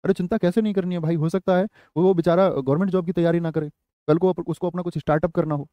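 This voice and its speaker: A young man teaching an online exam-prep class, repeating phrases slowly for students to write down and calling on them by name. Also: sits high, steady tone, no room sound, muffled recording. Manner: slow, repeats phrases for dictation, addresses students.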